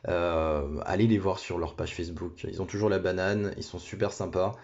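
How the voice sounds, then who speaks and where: A man's voice: sits low, steady tone, moderate pace, a little mellow. A man hosting a sports card break, chatting casually and hesitantly with many restarts and small apologies. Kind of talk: casual card-opening commentary. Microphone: phone. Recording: dull lo-fi phone audio.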